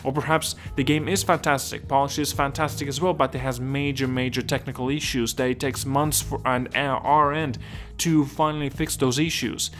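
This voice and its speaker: A man from Estonia talks through a new game in a loose, rambling way, often starting over mid-sentence. His voice sits in an ordinary middle pitch. Quiet music plays faintly under him. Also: level tone, normal speed. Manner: rambling, restarts a lot, keeps asking if it makes sense. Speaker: gaming video host. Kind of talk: casual gaming commentary.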